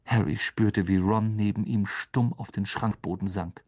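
A reader narrating an audiobook in a slow, expressive style. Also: low-pitched.

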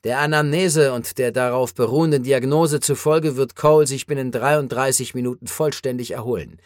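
A man reading an audiobook voices a calm, formal alien who speaks in measured, analytical sentences. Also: medium pitch, dry recording, clean studio sound, natural voice.

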